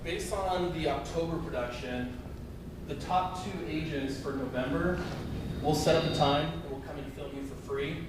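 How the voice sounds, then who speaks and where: A man's voice: a little high, moderate pace. A man from a marketing company making a casual offer to a sales team. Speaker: guest from a video marketing company. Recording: distant voice, very roomy echo, background noise.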